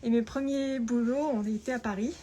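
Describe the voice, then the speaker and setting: A woman presenting an informal tutorial through a face mask, speaking carefully and deliberately with frequent pauses and a slightly muffled sound. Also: fairly high pitch, steady tone, warm tone. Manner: careful, deliberate, often pausing. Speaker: patternmaker presenting a lesson. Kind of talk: spoken tutorial with informal explanations. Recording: clear background room noise.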